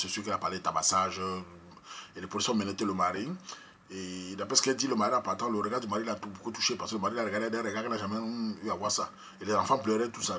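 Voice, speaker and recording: A man's voice: fairly low pitch, pushed and bright, a little hiss or hum. A man from Cameroon with a Cameroonian French accent, giving a preachy opinion monologue that repeats its points and rises to emphatic outbursts. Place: Europe.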